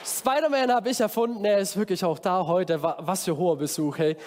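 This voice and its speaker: An energetic man preaching to kids, his voice pitched high and animated. He calls out to the crowd and tells stories with gusto, and his voice rings with a long hall echo. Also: a little fast. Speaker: children's camp preacher. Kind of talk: lively children's sermon.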